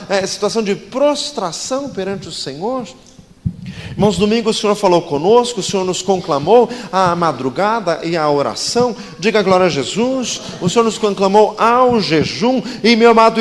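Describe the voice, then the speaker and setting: A high-pitched male pastor delivers a fervent sermon to his congregation and keeps calling on them to answer him. His voice rings out with a long church reverb, over a faint hiss in the background. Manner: fervent exhortation with repeated calls to the congregation. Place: church sanctuary.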